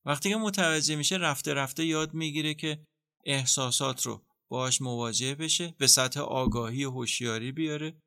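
A man speaking as a psychotherapist in an interview, calmly explaining how treatment works and acting out what a therapist says. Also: medium pitch, creaky, clean tone, no echo, studio quality. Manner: calm, explanatory, acts out therapist dialogue. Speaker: psychotherapist guest.

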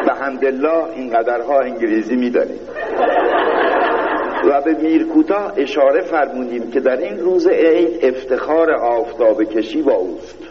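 Man, satirical reading, mock-royal narration, sardonic, muffled lo-fi audio. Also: medium pitch. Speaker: reader. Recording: dull, lo-fi recording with faint hiss.

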